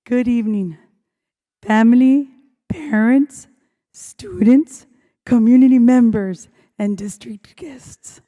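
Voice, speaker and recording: Hoarse high-voiced woman principal speaking. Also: mellow. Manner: earnest, heartfelt, addresses the crowd directly. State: hoarse, losing her voice. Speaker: school principal. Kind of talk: welcoming address at a school ceremony. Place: school event venue, indoors.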